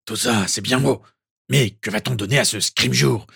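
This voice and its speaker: Man reading a grumpy old auror guy, sarcastic, abrupt, loud. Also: mid-range voice, moderate pace, vocal fry, breathy edge, no room sound, studio quality, exaggerated voice. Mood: blunt. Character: gruff battle-scarred old male auror, blunt leader. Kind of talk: audiobook character reading.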